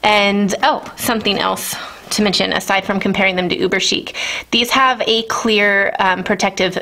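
A woman in her thirties gushing through a casual product review at home, excited and chatty. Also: medium pitch, normal speed. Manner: gushing, enthusiastic. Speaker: nail art vlogger. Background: children.

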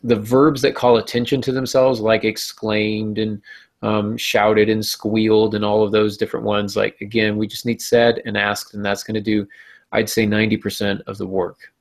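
A man's voice: on the low side, flat delivery, normal speed. A man hosting a podcast, explaining writing craft in a casual, wry way. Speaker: podcast host.

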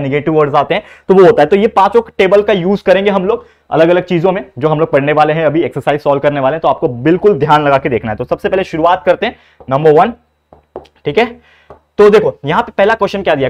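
Young guy tutor from india, rattles through a maths lesson fast, keeps asking the class questions. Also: sits high, a little mellow. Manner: asks students rhetorical questions, mixes Hindi and English. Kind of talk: exam-prep lecture.

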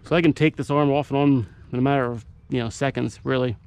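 A man's voice: mid-range voice, fairly even intonation, fast talker, a little mellow, slight background noise. A man giving a casual how-to narration as a vlogger showing his gear. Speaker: motovlogger presenting his gear setup.

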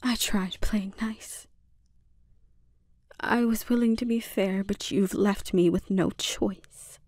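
Slow, whispery Scarlet Witch, acted by a woman. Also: medium pitch, steady tone, a little mellow, no echo. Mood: threatening, mocking. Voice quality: breathy, often whispering. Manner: slow, deliberate, condescending. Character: dominant, menacing witch, coldly seductive and condescending. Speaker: ASMR roleplay voice actor. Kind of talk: ASMR dramatic roleplay, half-whispered.

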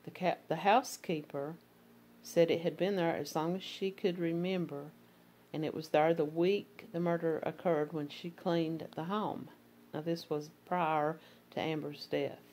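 A woman with a low voice and an Appalachian accent narrates a true crime case. She moves between reading court documents and loose, conversational commentary, with fillers and restarts. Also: steady tone, a little slow, darkish tone, a little hiss or hum.

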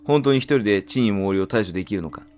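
A man's voice: fairly low pitch, fast talker, darkish tone, lightly acted. A man voicing a stern, protective senior onmyoji in a game, with solemn, archaic, commanding speech. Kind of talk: game dialogue read in character. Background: game music.

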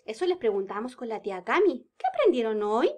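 A woman's voice: fairly high pitch, huge pitch swings, a little fast, darkish tone. A woman teaching a kindergarten lesson, drawing out words in a sing-song way for small children.

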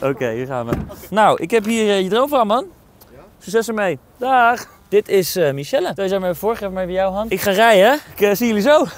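A man's voice: sits high, expressive, brisk, slight background noise. A man in his twenties presenting casually on the street as a matchmaking host, playful and teasing. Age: 20s. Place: outdoors on streets and in a car. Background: music.

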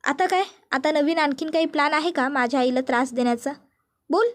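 An irritated young man from a TV serial, retold in a recap, as a woman narrator voices him. He throws sharp accusations in a high voice. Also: a little fast, natural voice. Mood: accusing.

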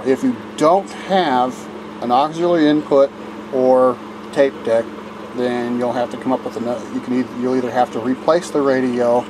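A medium-pitched man demonstrates a task inside a motor home for a casual DIY video, filmed on a handheld camcorder amid background noise. His delivery is folksy and plainspoken, with fillers and restarts.

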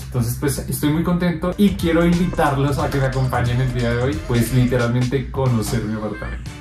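Excitable man vlogging. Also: mid-range voice, brisk. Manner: upbeat, excitable, laughs often. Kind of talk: casual vlog. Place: home office, then empty concrete apartment. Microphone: handheld camera at arm's length. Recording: echoey empty rooms with music.

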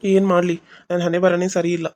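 A man's voice: sits high, completely flat delivery, brisk, darkish tone, no echo, close to an everyday voice. A man voicing a moody young husband in a cartoon serial, brooding and harsh by turns. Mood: angry. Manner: brooding, harsh, then pleading. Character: young husband, moody, torn between two women.

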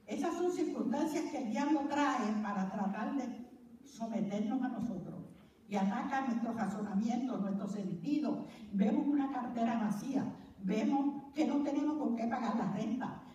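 A woman teaching a church Bible class in a lively, joking, preacher-like way. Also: sits high, moderate pace. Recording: very echoey room, distant mic, faint noise.

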